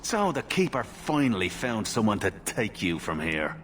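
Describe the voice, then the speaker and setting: A man's voice: on the low side, big pitch swings, moderate pace, fairly bright tone, slight background noise. An actor playing a cold, contemptuous male elf who speaks curtly and dismissively. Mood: scornful. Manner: curt and dismissive.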